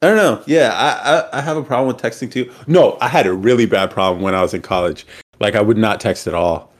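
A man's voice: lowish voice, fast. A young American man hosting a casual group podcast, bantering in a slangy, swearing frat-bro way. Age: young adult. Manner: bro-heavy frat-boy slangy talk, swearing freely. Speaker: podcast host.

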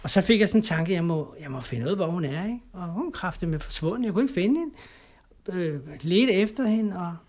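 A middle-aged man from Denmark, an interview guest, telling his personal story in conversation, halting and repeating words, ending lines with tag questions. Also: sits high, lively intonation, a little mellow.

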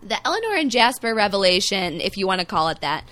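A woman's voice: mid-range voice, big pitch swings, fast, a bit bright. A woman co-hosting a podcast, chatting casually and animatedly about a TV show, with frequent "um" and "like". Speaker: podcast co-host. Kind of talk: casual chat.

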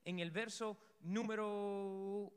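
A male pastor preaching a sermon in an animated way, acting out story scenes and sometimes shouting. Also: high-pitched, slow, smooth. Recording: long hall reverb.

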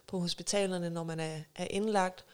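A woman interviewer speaking in a measured, supportive way during a conversation. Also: fairly low pitch, fairly even intonation, a little mellow, smooth. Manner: measured, supportive, short affirmations.

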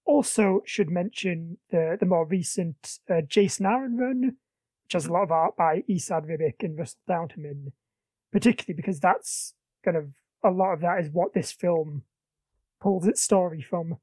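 Chatty woman, low-pitched. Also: normal speed, dark tone, dry recording. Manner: enthusiastic comics fan, chatty. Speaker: podcast co-host. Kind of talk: casual film review chat.

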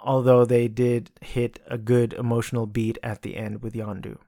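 A man's voice: medium pitch, flat delivery, moderate pace, mellow, no room sound, clean studio sound. A man hosting a casual solo podcast from a cluttered room at home. He rambles and restarts his sentences often, with plenty of filler. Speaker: podcast host. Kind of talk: casual solo movie talk.

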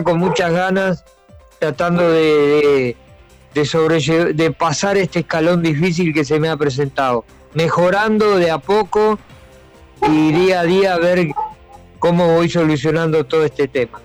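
A man talks haltingly about himself, repeating words as he goes. His voice is smooth and a little high, with faint music behind it. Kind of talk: halting personal account.

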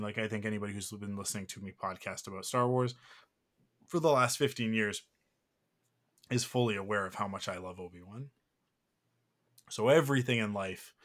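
A man's voice: fairly low pitch, a bit bright. A man hosting a podcast, talking in a rambling, heartfelt way with lots of fillers and restarts. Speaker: podcast host. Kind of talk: casual podcast chat.

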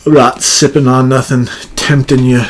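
A man's voice: medium pitch, level tone, moderate pace. A man chatting casually with a friend in slangy, sweary language. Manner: slangy, sweary buddy talk. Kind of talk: casual chat.

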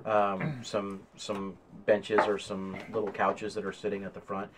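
A man's voice: lowish voice, completely flat delivery, a little slow, background noise. A man narrating a tabletop game as game master, rambling with many fillers and restarts.

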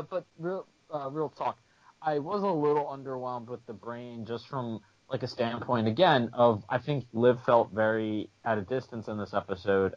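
A man co-hosting a TV podcast in casual chat, rambling with many restarts. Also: medium pitch. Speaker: podcast co-host. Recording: muffled lo-fi audio.

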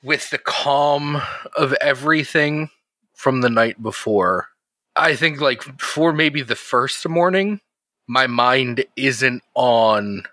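A man's voice: mid-range voice, pushed and bright, no room sound. A man hosting and playing on a horror actual play podcast, speaking in a conversational, articulate way. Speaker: podcast host and player.

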